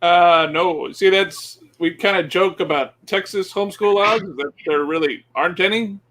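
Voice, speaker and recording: A man's voice: sits high, moderate pace, a bit bright. A man who is a homeschooling parent, speaking hesitantly in casual chat on a live stream.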